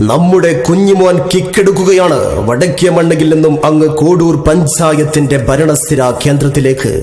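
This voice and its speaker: High-pitched Kerala man announcing in heavy echo. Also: a little mellow. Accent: Kerala Malayalam. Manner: declamatory, flowery, formal appeals. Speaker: election campaign announcer. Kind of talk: scripted campaign announcement. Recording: echoey reverberant announcement over music. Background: music.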